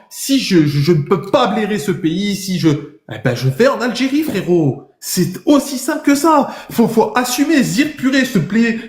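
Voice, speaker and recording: A man's voice: high voice, echoey room. A middle-aged French man hosting a live stream, pressing his guest with emphatic, insistent questions. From France. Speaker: TikTok live host. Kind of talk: heated live-stream debate.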